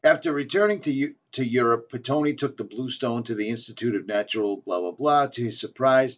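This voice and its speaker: A flat earth video maker delivers a casual, rambling monologue in a medium-pitched voice. He is insistent and repetitive, stumbling as he reads aloud. The audio is dull and lo-fi.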